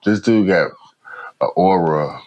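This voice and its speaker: A man's voice: low voice, slow, a little mellow. A man hosting a podcast, reacting in a laid-back, slangy way and calling people "bro" and "man". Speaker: podcast host. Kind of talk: casual reaction chat.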